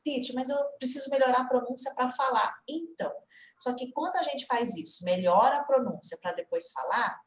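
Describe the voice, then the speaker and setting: A woman's voice: fairly high pitch, roomy sound, low-quality recording. A woman with a Brazilian Portuguese accent, an English teacher giving an online lesson and quizzing her student as she explains.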